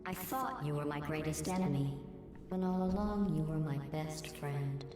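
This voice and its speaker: A woman voicing a coldly sardonic female artificial intelligence in a video game, speaking in a measured, deadpan, condescending way. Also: low-pitched. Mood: coolly sincere, dry. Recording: roomy long reverb under game music.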